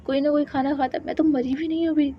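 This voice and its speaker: A lady playing a fiery bossy young woman, pitched up a bit, dull lo-fi sound. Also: flat delivery, fast, close to an everyday voice. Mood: scolding. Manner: scolding, raises voice sharply. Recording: dull lo-fi with faint hiss.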